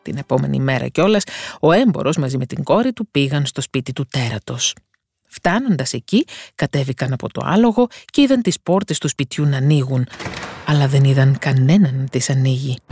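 A woman storyteller giving a scripted fairy-tale narration in a calm, measured way. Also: very deep voice, slightly rough, no echo.

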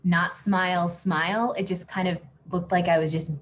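Woman, podcast host, low voice, casual chat, filler-heavy, laughs a lot. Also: fairly even intonation, moderate pace, a little hiss or hum. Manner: chatty, frequent "like" fillers, laughs often.

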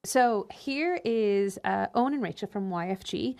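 A woman's voice: mid-range voice, expressive, a little slow, vocal fry, darkish tone. A woman with an Irish accent hosting a podcast and interviewing guests in a conversational style. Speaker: podcast host.

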